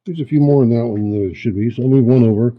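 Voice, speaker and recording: A man's voice: mid-range voice, quick pace. Muffled man in a casual demonstration. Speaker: host of a rock tumbling hobby channel. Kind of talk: casual hands-on demonstration talk. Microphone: camera's built-in microphone. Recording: muffled, dull camera microphone.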